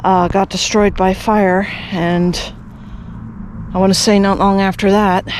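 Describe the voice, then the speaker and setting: A man's voice: high-pitched, little pitch movement, a little slow, a little hiss or hum. Rambling man vlogging outdoors. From Canada. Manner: rambling, chatty, many fillers and restarts. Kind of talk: casual walking vlog narration. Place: outdoors, walking around a rural cemetery.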